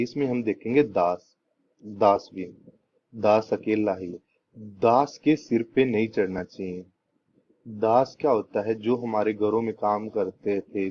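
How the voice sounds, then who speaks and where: A young man, teaching an exam-prep lesson with memory tricks, repeating points and asking rhetorical questions before answering them. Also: medium pitch. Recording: dull lo-fi recording with faint noise.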